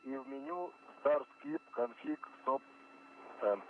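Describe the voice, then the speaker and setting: A man reads out clipped procedural steps over a space-to-ground radio link. His voice comes through thin and phone-like, with a soft hiss of static under it. It has the sound of a sci-fi communicator. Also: medium pitch, lively intonation, a little slow. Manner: clipped, giving step-by-step instructions. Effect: crackly space-to-ground radio link. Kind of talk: terse procedural radio talk. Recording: tinny narrowband radio with hiss.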